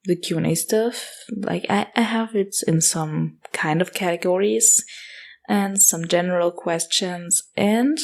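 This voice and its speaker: A woman in her twenties with an Austrian German accent hosts a casual solo podcast Q&A. She's chatty, using frequent fillers and correcting herself. Her voice is fairly low, a little mellow, with vocal fry.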